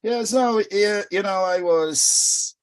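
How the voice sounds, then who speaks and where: A middle-aged man whose Brazilian Portuguese accent colors his English. He talks as a spiritual teacher in an interview, wandering through his thoughts in a reflective, unhurried way and dropping in soft laughs and filler phrases. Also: high voice, smooth.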